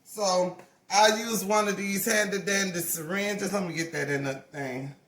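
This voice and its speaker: In a room with noticeable echo, a craft channel owner in her forties runs a laid-back hands-on tutorial. Her mid-range voice is a bit bright, fairly even in intonation and a little slow, and her folksy chatter is full of mid-sentence self-corrections.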